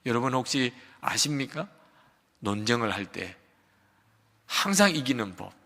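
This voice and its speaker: An older man preaching a sermon as pastor, moving between loud emphatic peaks and quiet low asides. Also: very animated, measured pace. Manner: acts out a shouting quarrel in quotes. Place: large church sanctuary. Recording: long hall reverb of a church sanctuary.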